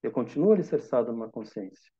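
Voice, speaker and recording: A man with a Brazilian Portuguese accent giving a calm, reflective meditation talk, teaching through simple examples and questions to listeners. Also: medium pitch, quick pace, husky, dull audio.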